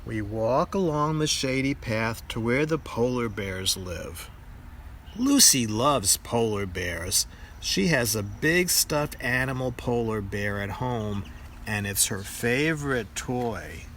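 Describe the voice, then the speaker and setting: Slow-paced older man, grandpa reading storybook. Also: medium pitch, lively intonation, fairly bright tone, a little hiss or hum. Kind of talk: children's picture book read-aloud.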